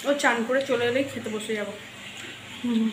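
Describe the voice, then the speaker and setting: A middle-aged woman with a sore throat, chatting softly to viewers in her home kitchen. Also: a little high, steady tone, normal speed, background noise. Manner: chatty, talks straight to viewers. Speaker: home vlogger. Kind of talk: casual home vlog chat. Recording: echoey home room.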